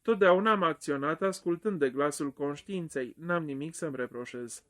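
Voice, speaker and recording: An icy, unbending spinster, as a man reads her aloud, answering in short, clipped words. The voice stays in a man's slightly high register. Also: fairly bright tone, natural voice. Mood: cold. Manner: cold, clipped. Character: stern older spinster, cold and rigid.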